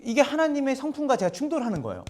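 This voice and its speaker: Preaching as a guest in a church sanctuary, a male pastor keeps things conversational and frequently throws questions out to the congregation. He races along in a very high voice with huge swings in pitch and a slightly mellow quality.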